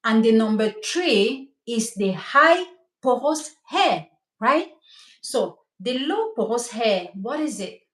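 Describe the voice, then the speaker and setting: A woman's voice: on the high side, very animated, takes it slowly, a bit bright, echoey room. A middle-aged woman from Cameroon with a Cameroonian French accent, a native French speaker, teaching hair care on a live stream. She talks with eager enthusiasm and keeps checking in with her listeners. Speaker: hair coach and cosmetologist.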